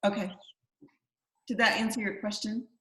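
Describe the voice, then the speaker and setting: A woman coaching a group over a video call, explaining in a relaxed way with hesitant restarts. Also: medium pitch, normal speed, reverberant, poor audio.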